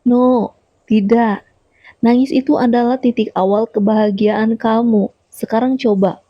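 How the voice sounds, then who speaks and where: This motivational YouTuber's direct-to-camera talk features a fairly high voice, steady tone, and measured pace, as she keeps repeating key points and questioning her audience. The recording is dry and muffled.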